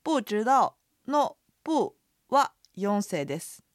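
A woman co-hosts a radio language lesson with a mid-pitched voice, explaining expressions and tones briskly. Her voice is recorded dry and close, with no audible room. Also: very animated, no room sound.

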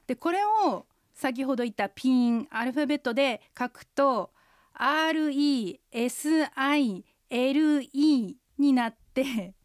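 A woman co-hosting a radio language lesson, slowly and carefully explaining how sounds are pronounced. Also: high voice, expressive, no room sound, clean studio sound. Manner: slow, careful explanations of pronunciation. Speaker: Chinese language instructor and co-host. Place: radio studio.

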